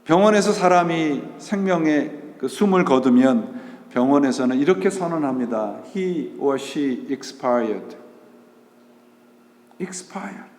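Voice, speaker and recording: Echoey, lively preaching man. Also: fairly high pitch, slow pace. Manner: mixes English words into Korean preaching; asks rhetorical questions and answers them. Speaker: pastor. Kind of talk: Sunday sermon. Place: church sanctuary. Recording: echoey church hall.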